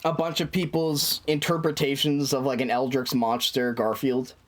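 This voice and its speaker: Casual sweary male game streamer, mid-pitched. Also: flat delivery, moderate pace. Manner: sweary, muttering to himself. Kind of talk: casual livestream chat.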